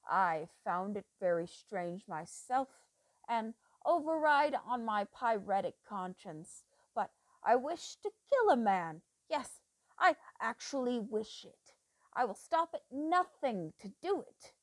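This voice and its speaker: A woman voicing a treacherous old male doctor who talks in low, slow, intense murmurs that flare into sudden loud bursts. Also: very animated, no room sound. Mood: menacing, obsessive.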